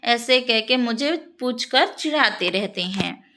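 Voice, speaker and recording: A woman teacher walks through a poem line by line, reciting each verse slowly before explaining it. Her voice sits high and has a bright edge, and her pace stays unhurried. She keeps checking in with her listeners as she goes. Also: lively intonation. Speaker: Hindi teacher. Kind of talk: explaining a poem in an exam-prep lesson.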